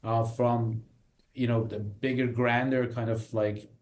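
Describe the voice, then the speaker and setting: A man's voice: medium pitch, level tone, a little slow, a little mellow. A man from Iran, a naturopathic doctor, speaking as an interview guest with frequent hesitations. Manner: hesitant, many fillers. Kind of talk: casual interview talk.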